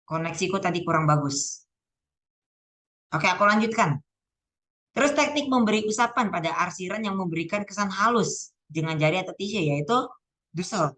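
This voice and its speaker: A woman's voice: fairly low pitch, normal speed, long pauses, a bit bright, poor audio. A teenage girl casually going over exam answers, thinking aloud and often correcting herself. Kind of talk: casual spoken exam walkthrough.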